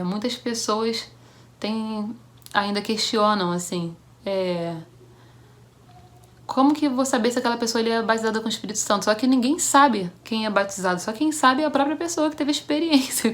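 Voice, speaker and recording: A young woman from Brazil shares a personal testimony for a church devotional. She tells it as a story, with halting restarts, and acts out the voices of the people in it. Her voice sits at a middle pitch.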